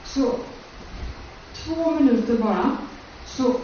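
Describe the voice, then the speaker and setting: A woman with a fairly high but mellow voice guides her listeners through a Bible meditation. She speaks slowly and thoughtfully and poses open questions. She is heard from a distance in a strongly echoing room, and the sound is dull. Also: expressive, a little hiss or hum. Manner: slow, reflective, posing many open questions.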